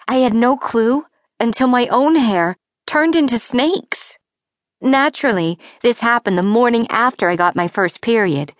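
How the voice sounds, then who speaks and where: Woman narrator, first-person teen story, lively and wry, slightly high, dry booth sound. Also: no room sound. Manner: wry, breezy teenage voice. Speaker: audiobook narrator.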